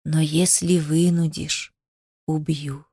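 Serpent goddess, sly and menacing, slow hissing delivery, low and hushed, dry audiobook read, a woman putting it on. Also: level tone, breathy edge, dry recording, exaggerated voice.

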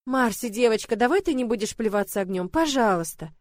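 A young storybook heroine, voiced by a woman reader, speaks with gentle care and a teasing, wry edge. Her voice sits high and sounds dry and close. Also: animated, fairly quick, no echo, natural voice.

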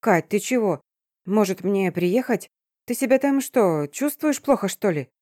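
A woman reading an audiobook voices a cheerful, loud young female friend calling on the phone, exclaiming brightly. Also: medium pitch, lively intonation, a little slow, no room sound, studio quality. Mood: alarmed. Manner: bubbly, exclaiming.

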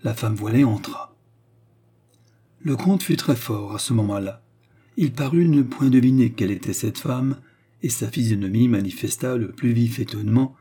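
A man reading a classic novel aloud as narrator, in a measured, expressive storytelling manner. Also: medium pitch, slightly rough. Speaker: audiobook reader.

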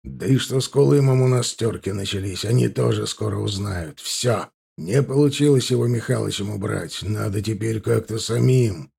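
A coarse, hot-tempered crime boss, voiced by a male audiobook reader, barking orders in a gravelly voice. He is blunt and bossy. The tone is dark and husky. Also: on the low side, moderate pace, full character voice. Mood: demanding.

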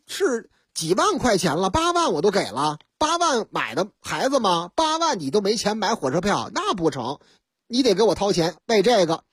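A woman's voice: medium pitch, big pitch swings, normal speed, husky, no room sound, clean studio sound. A woman with a Beijing accent voicing a blunt, insistent middle-aged woman who haggles and lays down demands. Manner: insistent, bargaining.

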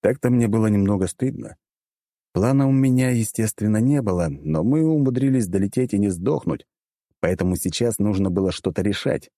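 Low, dark-voiced male audiobook narrator. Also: animated, a little fast, no echo, clean studio sound. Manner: wry, casual, with crude slang. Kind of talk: first-person audiobook narration.

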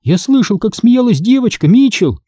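A man's voice: very high voice, very animated, normal speed, mellow, no echo, clean studio sound, voice pushed up, exaggerated voice. A man voicing a frightened young boy who speaks urgently in a trembling voice, in a storybook reading. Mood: scared.

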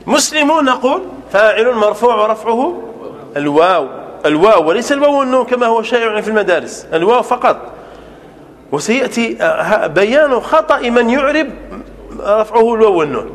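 A man teaching Arabic grammar in a classroom, asking rhetorical questions and repeating examples slowly as he dictates them. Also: very high voice, very animated. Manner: dictates examples at a slow, deliberate pace.

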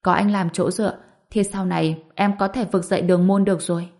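A woman reading a gentle, curious young woman companion in an audiobook. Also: medium pitch, fairly even intonation, a little fast, natural voice. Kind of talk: audiobook narration.

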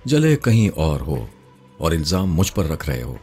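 A man voicing an emotional, wary young woman, his friend's wife, in a spoken story, speaking in a raised pitch with a pleading, reproachful tone. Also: very animated, darkish tone, husky, soft background music, heavily acted. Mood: teasing.

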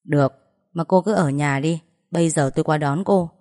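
Woman reading as a young man, curt, insistent, low-ish voice. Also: normal speed, dark tone, close to an everyday voice. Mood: firm.

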